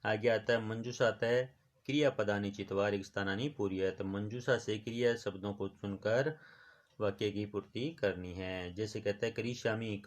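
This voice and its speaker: Low-voiced man teaching Sanskrit. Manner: reads Sanskrit lines, then explains each in Hindi. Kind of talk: classroom lesson explaining a Sanskrit exercise.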